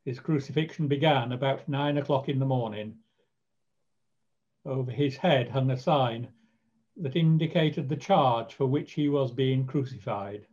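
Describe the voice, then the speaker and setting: Male narrator, warm and measured, scripted scripture reading, muffled recording. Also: medium pitch. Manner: measured storytelling.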